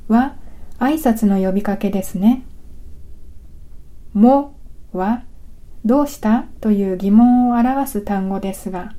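A woman giving a scripted language lesson, patient and careful, pausing for drills. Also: fairly high pitch, mellow. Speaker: language teacher.

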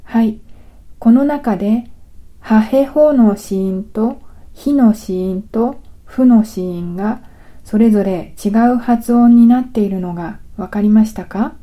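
A woman teaching a language course, speaking in a very slow, deliberate way. Her voice is deep and mellow, with no brightness at all. She explains things carefully, like a prepared script. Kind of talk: scripted lesson narration.

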